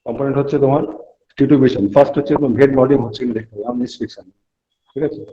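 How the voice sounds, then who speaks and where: A man teaches students at a hospital bedside, rattling through explanations at a brisk clip. He stops often to check that they follow and to coach the patient. The recording sounds muffled and lo-fi. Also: medium pitch, fairly even intonation, warm tone. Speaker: medical lecturer. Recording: dull lo-fi recording.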